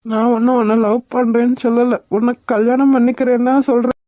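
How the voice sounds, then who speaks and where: A woman's voice: on the high side, flat delivery, brisk, mellow, dry recording, highs cut off, lightly acted. A woman voicing a persistent young man in a cartoon, teasing and puzzled by his beloved. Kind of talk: cartoon voice acting.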